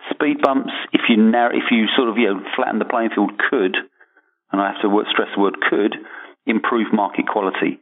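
Casting: lower-pitched male columnist, hesitant, restarts often, phone-quality audio. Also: steady tone, fairly quick. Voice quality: hesitant, many restarts and fillers. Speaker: financial markets columnist. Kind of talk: casual podcast discussion. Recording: phone-like narrow sound.

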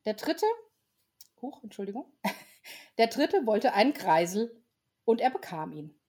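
A woman's voice: a little high, measured pace, slightly rough. Woman reading a children's story aloud. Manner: relaxed, with small slips and restarts.

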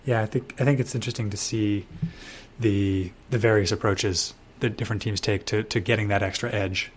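A man's voice: fairly low pitch, fairly even intonation, a little fast, a little hiss or hum. A man co-hosting a casual gaming talk show, speaking hesitantly with frequent restarts and fillers. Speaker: podcast co-host. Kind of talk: casual chat.

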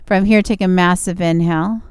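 Very clear-voiced encouraging woman yoga instructor. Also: fairly low pitch, fairly even intonation, moderate pace, darkish tone, no room sound, studio quality. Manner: encouraging, directive. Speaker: yoga instructor, show host. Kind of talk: guided yoga class instruction.

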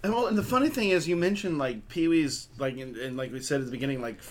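A man's voice: on the high side, expressive, fast talker, slight background noise. A man chatting casually as a podcast co-host, rambling with lots of fillers and laughing often. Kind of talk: casual chat.

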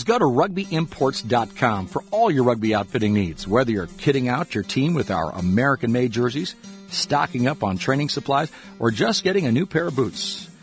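Lively man reading a hard-sell ad. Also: mid-range voice, normal speed. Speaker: advert announcer. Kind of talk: hard-sell radio ad read. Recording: music bed behind the voice.

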